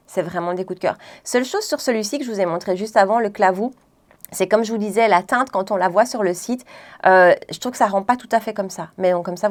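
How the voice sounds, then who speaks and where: A French-accented woman chatting enthusiastically about her makeup purchases in a casual beauty vlog. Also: lowish voice. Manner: enthusiastic, chatty, many fillers. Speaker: beauty vlogger. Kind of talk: casual makeup haul chat.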